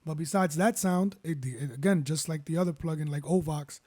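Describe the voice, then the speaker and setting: A baritone-voiced beat producer casually walks viewers through making a beat, talking a little fast in a relaxed, rambling tutorial style and correcting himself along the way. Faint music sits behind his voice.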